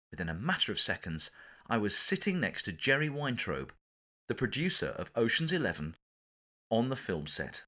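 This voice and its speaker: This English-accented man has a medium-pitched voice with a sharp tone. He narrates a scripted anecdote from his own memoir for an audiobook, giving it theatrical, dramatic emphasis.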